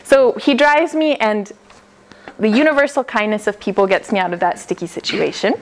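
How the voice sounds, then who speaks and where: Heard through a camera across an indoor hall set up like a classroom, a young woman from the United States chats her way through a personal story live. She laughs a lot and performs the quoted lines in a medium-pitched voice at a moderate pace, with a little hiss or hum in the audio.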